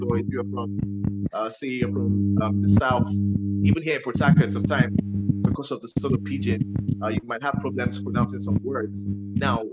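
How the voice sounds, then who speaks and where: Speaking in a mid-range voice through dull audio, this young man with a Nigerian accent is a radio presenter. He offers a young interviewer earnest, emphatic advice and repeats himself frequently.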